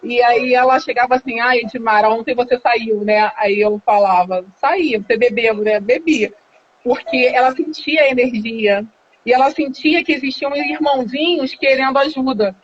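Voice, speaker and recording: A Brazilian woman telling her own story in a casual, animated way, laughing often and acting out the dialogue. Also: fairly high pitch, moderate pace. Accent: Brazilian Portuguese. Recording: dull lo-fi live stream audio.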